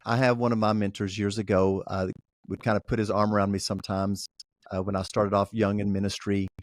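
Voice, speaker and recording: A man's voice: on the low side, level tone, brisk, no room sound. A man, a pastor, hosting a podcast interview and reflecting the guest's words back. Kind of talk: conversational interview.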